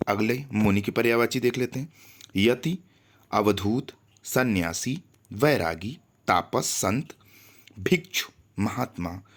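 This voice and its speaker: A man teaching a grammar lesson for exam preparation, reading out lists of synonyms one word at a time and stressing careful pronunciation. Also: lowish voice. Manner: slow, deliberate listing with frequent pauses and repetitions.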